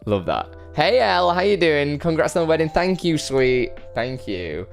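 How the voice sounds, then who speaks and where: A man's voice: a little high, expressive, normal speed, creaky, faint music behind. A man chatting casually on a live stream, rambling and self-deprecating as he greets viewers by name and answers their questions. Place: his brother's home.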